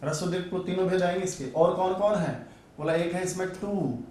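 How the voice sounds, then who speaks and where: Man, Sanskrit teacher, fairly high voice, repeats syllables, questions and answers himself, heavy room echo, distant mic. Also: a little fast, a little mellow, a little hiss or hum. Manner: drills sounds aloud, asks and answers his own questions. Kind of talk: online exam-prep grammar lesson. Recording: very echoey room, voice a bit far from mic.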